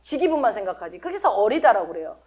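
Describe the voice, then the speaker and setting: This middle-aged woman pastor speaks fast in a mid-range, sing-song voice with a darkish tone. Her sermon is conversational, and she keeps putting questions to the congregation.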